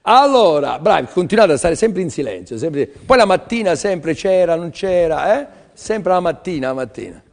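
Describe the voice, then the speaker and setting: A man's voice: a little high, very animated, moderate pace, vocal fry, hardly any pauses, a little mellow. An older man hosting a live art sale on television, talking in a chatty, teasing, rambling sales patter. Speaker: TV art auction seller.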